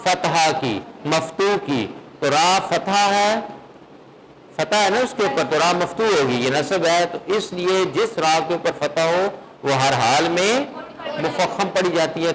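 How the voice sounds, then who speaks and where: A man teaching a recitation class, quizzing his students on the rules and chanting verses slowly to show how they are read. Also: a little high, fairly bright tone, a little hiss or hum, poor audio. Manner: questions students, then chants verses in slow melodic recitation. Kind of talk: classroom lesson.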